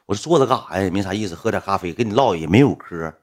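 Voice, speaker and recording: A man's voice: low-pitched, lively intonation, racing, a little mellow. A young man with a Northeastern Mandarin accent telling a story to an audience in a blunt, colloquial way, swearing now and then and voicing both sides of the dialogue. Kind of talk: casual spoken storytelling to an audience.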